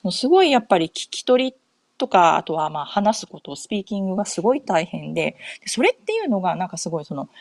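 On a recording without room sound, a slightly mellow mid-range voice carries a relaxed podcast chat. The host is a middle-aged Japanese woman at home in North America whose talk drifts along with frequent fillers and self-corrections.

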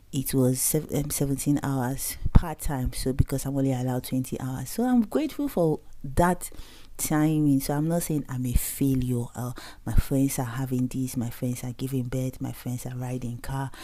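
Mellow-voiced Nigerian woman, earnest talk. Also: a bass voice, fairly even intonation, normal speed, no echo. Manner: earnest, conversational, slipping between Pidgin and English. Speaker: podcast host. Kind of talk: faith-based motivational talk.

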